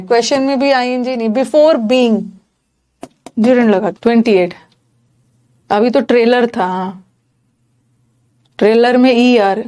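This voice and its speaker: A woman's voice: on the high side, darkish tone, clean tone. A woman giving an exam-prep grammar lecture, explaining in a mix of Hindi and English and putting questions straight to her students.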